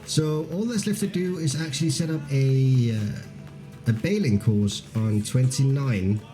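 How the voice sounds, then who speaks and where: Here the Danish gamer speaks in an unhurried, mellow mid-range voice over faint music, chatting casually with his stream's viewers. He reads their comments aloud and laughs often, with many fillers and restarts. His accent blends influences in a hard-to-place way over a Danish foundation.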